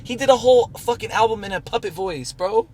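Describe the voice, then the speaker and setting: A man's voice: sits high, animated, fast talker, darkish tone. A man chatting casually and emphatically as a podcast guest, swearing often and calling people bro. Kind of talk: casual chat.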